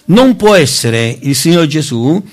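Speaking unhurriedly in a fairly high voice, a preacher gives a Bible teaching sermon and calls his listeners brothers. His delivery is emphatic and lively, rising on key words as he reads scripture aloud.

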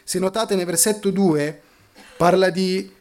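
Guy giving a sermon, higher voice, tells a story then reads scripture, goes slow and low for emphasis. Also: darkish tone. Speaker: preacher.

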